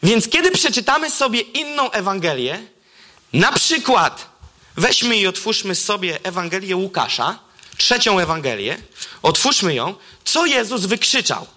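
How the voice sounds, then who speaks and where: Reading scripture aloud during a sermon, a preacher alternates between excited outbursts and quiet, low emphasis, speaking a little slowly.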